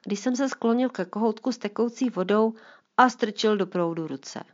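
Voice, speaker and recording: A woman's voice: medium pitch, highs cut off, voice pushed up, close to an everyday voice. A woman voicing a mild, slightly awkward middle-aged father in a storybook reading. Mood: fond.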